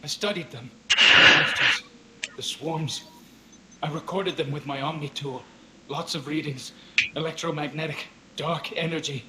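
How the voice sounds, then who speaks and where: A man voicing a traumatized young male alien in a video game, speaking in halting, fragmented phrases. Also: on the high side, fairly even intonation, very noisy, close to an everyday voice. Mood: dazed.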